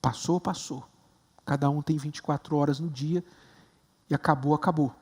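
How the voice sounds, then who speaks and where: Emphatic Brazilian preacher man, high voice. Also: steady tone, normal speed, a little mellow, husky, in a large hall. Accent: Brazilian Portuguese. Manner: emphatic, rising to stressed high points. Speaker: bishop. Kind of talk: sermon. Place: large temple hall.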